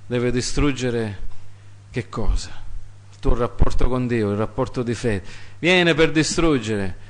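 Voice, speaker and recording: A male preacher delivers a sermon at an unhurried, deliberate pace, leaning on repetition to drive each point home. His voice sits in an ordinary middle register for a man, but it climbs into loud, raised exhortation and then drops to hushed, low remarks. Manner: dramatic swings between loud high exhortation and quiet low asides; emphatic, repeats phrases for effect.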